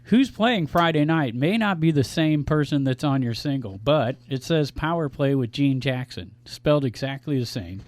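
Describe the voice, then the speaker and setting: A man's voice: mid-range voice, animated, normal speed, few pauses, no echo. A man hosting a casual talk show, bantering informally and reading out local gig listings. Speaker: show host.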